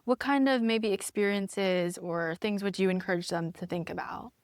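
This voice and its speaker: A woman's voice: mid-range voice, fairly even intonation, moderate pace, no echo, clean studio sound. A young woman hosting a student podcast, asking interview questions casually with many "like"s. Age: young adult.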